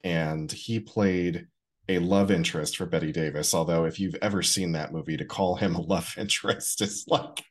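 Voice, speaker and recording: A man in his forties with a very low, husky voice, co-hosting a podcast. He talks in a relaxed, wry, knowing way, with a gravelly-soft breathiness. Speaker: podcast co-host. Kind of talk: casual chat.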